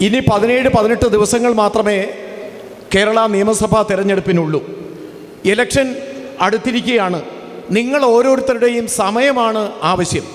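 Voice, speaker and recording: A man's voice: high-pitched, normal speed, long pauses, big-room sound. A man interpreting a campaign speech for a crowd in a formal, declamatory way with repeated phrasing.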